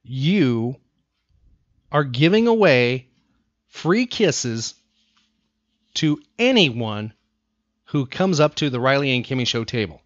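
An American man hosts a casual talk show in a studio, his mid-range voice very animated as he repeats phrases for emphasis. He takes it slowly and pauses often. The recording is dry with no room sound and a slightly dull lo-fi studio quality.

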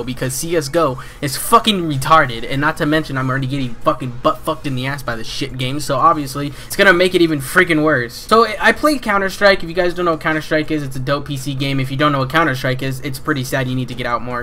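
A man doing casual gameplay commentary as a YouTuber, swearing heavily and breaking into angry shouts at the game. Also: medium pitch, slight background noise. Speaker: gaming YouTuber.

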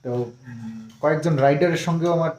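A woman from West Bengal with a low-pitched, darkish voice talks a little fast to the camera at home for her family vlog. Tired after a long ride, she rambles with many fillers and turns fond and teasing when she speaks to a child.

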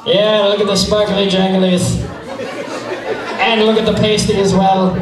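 A man's voice: high voice, level tone, a little slow. A man hosting a burlesque show on stage, projecting into a handheld microphone with bawdy, teasing, profane showman's patter. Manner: projecting loudly to a live audience. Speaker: burlesque show host and raffle emcee. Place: on stage in a theatre-like venue. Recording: echoey hall from far off, loud crowd.

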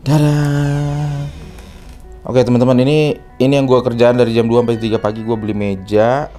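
A man's voice: mid-range voice, little pitch movement, normal speed, warm tone. Tired guy vlogging in a super echoey empty room, chatty, faint music underneath. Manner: chatty, keeps addressing viewers as friends. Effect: strong echo in a bare room. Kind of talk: casual vlog chat, room tour. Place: bare, echoey new rented house, indoors.

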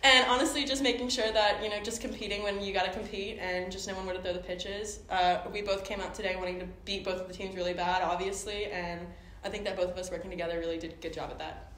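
A young woman softball pitcher answering at a press conference, nervous and self-conscious. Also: steady tone, fast talker, hardly any pauses. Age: young adult. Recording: echoey room, faint noise.

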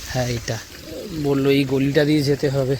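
A man's voice: mid-range voice, flat delivery, normal speed, a little mellow, a little hiss or hum. A young man, vlogging as he walks down a rainy street at night, anxious as he talks to the camera. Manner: anxious, talking to the camera while walking. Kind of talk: casual vlog narration.

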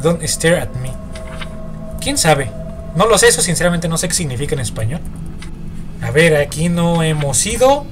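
A man's voice: fairly high pitch, big pitch swings, moderate pace, long pauses, noisy background. Jumpy Mexican guy playing a horror game. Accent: Mexican Spanish. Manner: jumpy, swearing, talks to himself and viewers. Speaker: gaming YouTuber. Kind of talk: horror game let's play commentary.

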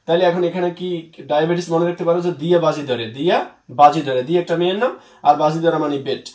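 A man's voice: a little high, steady tone, rapid-fire, a little mellow, echoey room, distant mic. A man teaching English spelling to students, patiently repeating words and spelling them out letter by letter.

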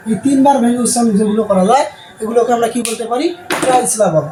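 A man's voice: very high-pitched, quick pace. A male teacher, giving a classroom lesson and answering his own questions over and over. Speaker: English teacher. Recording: roomy sound with faint background noise.

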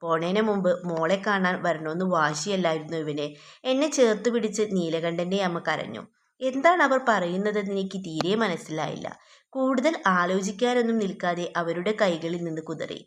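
A woman's voice: fairly low pitch, expressive, moderate pace. A woman teacher reading a textbook story aloud and explaining it to students, often asking them questions. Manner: addresses students directly with questions.

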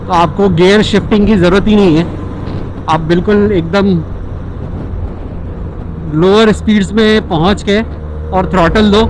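Motovlogger speaking over road noise. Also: male voice, high voice, measured pace, pauses often. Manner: chatty, excited, mixes English into Hindi. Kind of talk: casual riding commentary. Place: outdoors on a moving motorcycle on city roads. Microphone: action camera with external mic on a helmet. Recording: wind and traffic noise. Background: engine, wind and traffic.

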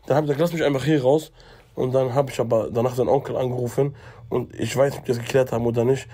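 A man's voice: medium pitch, level tone, racing, dark tone, husky. A man in his twenties telling a story casually to his viewers, chatty and direct. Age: 20s. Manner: chatty, addresses viewers as guys, fills with "ne?".

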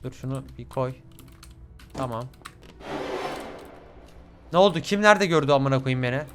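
A man's voice: medium pitch, expressive, moderate pace, a little hiss or hum. A young man commentating a horror game, swearing often and shrieking at scares. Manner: swears a lot, yells and shrieks at jumpscares. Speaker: gaming YouTuber. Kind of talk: let's play commentary.

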